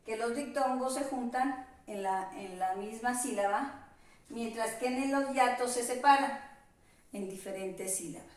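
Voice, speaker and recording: Slow woman teacher, echoey room. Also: a little high, recorded from a distance. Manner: slow, careful spelling-out of examples. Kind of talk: virtual class lecture.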